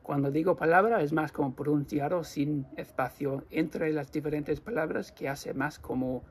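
An Australian man with an Australian accent, explaining everyday phrases to viewers in slow, careful non-native Spanish and repeating his examples. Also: on the high side, fairly even intonation, a little hiss or hum. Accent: Australian English. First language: English. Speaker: language teacher.

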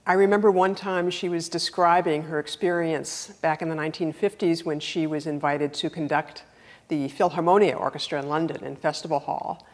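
A woman's voice: low voice, steady tone, normal speed, big-room sound. A woman in her fifties, a guitarist and former student, telling affectionate anecdotes in a personal testimonial. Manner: warm storytelling, affectionate.

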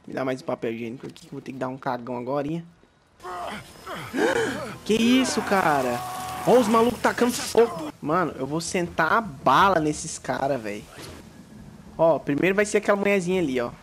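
A young man with a Brazilian Portuguese accent chatters through a let's play in slangy, profane commentary. His voice sits fairly high for a man and jumps into sharp yelps and shouts at every scare. A faint hiss stays under the recording. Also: animated, a little fast, pauses often. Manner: jumpy, yelps and shouts when startled, slangy and swearing. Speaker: gaming YouTuber.

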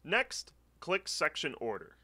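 A man with a bright, fairly high voice gives clear step-by-step instructions. His pitch moves around a lot, and he keeps a steady, scripted walkthrough delivery. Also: takes it slowly. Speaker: tutorial narrator. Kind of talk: scripted screen-recording walkthrough. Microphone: voice-over.

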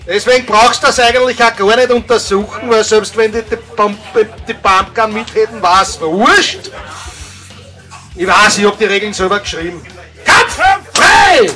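A man's voice: very high voice, pushed and bright. A man announcing a live wrestling match, laid-back with wry joking asides. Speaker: show organizer and announcer.

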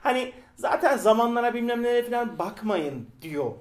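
A man co-hosting a casual film discussion, excitable and quick to interject. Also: extremely high pitch. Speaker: podcast co-host. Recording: echoey room.

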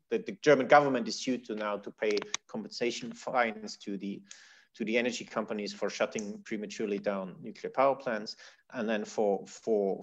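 A man speaking as a policy analyst on a discussion panel, measured and analytical, often pausing and restarting his sentences. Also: fairly low pitch. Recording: muffled lo-fi audio.

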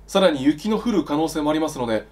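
A man's voice: fairly high pitch, expressive, fast, a little mellow. A young man playing an earnest, courteous news anchor in a parody bulletin. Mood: formal, composed. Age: young adult.

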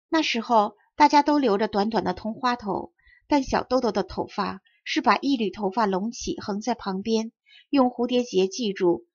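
Woman reading a kids storybook, kinda high voice, dry muffled audio. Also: breathy edge, dry recording. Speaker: audiobook narrator. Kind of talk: storybook narration.

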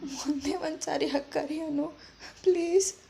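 A woman's voice: high-pitched, fairly even intonation, a little slow, gravelly, dark tone, slight background noise, pitched above the performer's own voice. A woman voicing a frantic grieving young woman. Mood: pleading, tearful. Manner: pleading, tearful and frantic.

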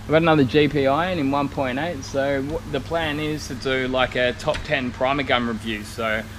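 A car spray painter in his thirties who vlogs on YouTube rambles casually and blokily as he tours a large workshop, his voice medium-pitched and steady at a moderate pace. The footage comes from an action camera he holds at arm's length, with clear workshop noise around him.

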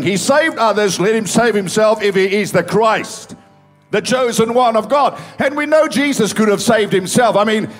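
A male pastor preaching a sermon and reading scripture aloud with emphatic pauses. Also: high voice. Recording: live church service with faint music behind.

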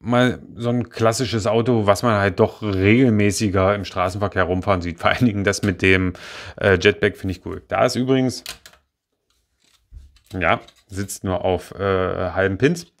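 Hesitant man with a lowish voice reviewing a model. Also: steady tone, normal speed. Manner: rambling, hesitant, many fillers and self-corrections. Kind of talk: casual spoken product review.

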